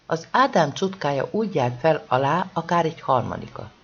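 A husky audiobook narrator telling a humorous story with lively storytelling energy. The pitch moves widely. The recording is dull and lo-fi.

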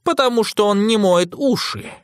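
A man reading an audiobook, voicing a cold, contemptuous male drama critic in a slow, lowered, disdainful voice. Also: expressive, smooth, no echo, clean studio sound. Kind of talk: audiobook character voice.

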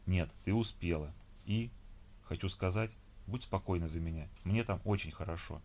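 A man voicing a calm, serene young man speaking softly and gently in an audiobook. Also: low-pitched, normal speed. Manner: soft, gentle, quiet.

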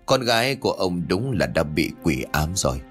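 A man voicing a calm, grave older exorcist who explains in a measured way. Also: sits low, faint music behind. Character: calm older male exorcist, stern and knowing.

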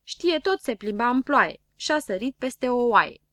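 A woman's voice: on the high side, animated, a bit bright, dry recording, clean studio sound. A woman voicing a naive, boastful little boy-like character from a storybook who makes up silly rhymes. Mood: eager.

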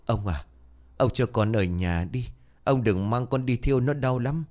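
A man's voice: medium pitch, a little slow, a little mellow, voice pushed up, close to an everyday voice. A man voicing a grieving middle-aged mother who begs through tears in a plaintive voice. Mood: pleading grief. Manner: plaintive, begging.

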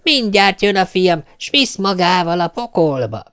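A scheming old witch from a folk-tale audiobook, put on by a male reader, her voice lifted high and smooth. She coaxes and wheedles, sweet-talking her way into what she wants. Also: very animated, fairly bright tone. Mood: wheedling. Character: greedy scheming old iron-nosed witch woman.

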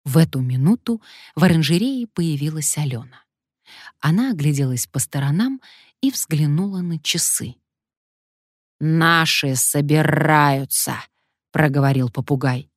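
A woman narrating an audiobook story in an even, measured way. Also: low-pitched, no echo, clean studio sound.

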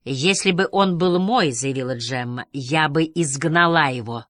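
A woman's voice: low-pitched, moderate pace, no echo, lightly acted. A woman reading the part of a snide, mocking woman who speaks sarcastically.

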